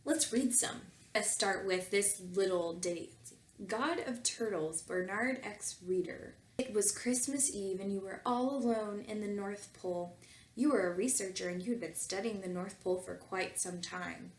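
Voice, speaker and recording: This woman, a video host who reads fan fiction, mixes casual talk with comedic read-alouds and wry asides. Her voice is mid-range at normal speed, with roomy echo and faint background noise.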